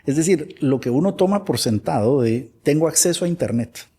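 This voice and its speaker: A man's voice: fairly high pitch, lively intonation, moderate pace, mellow, husky. A man from Guatemala, a guest expert in a conversational interview, who talks animatedly and acts out imagined dialogues.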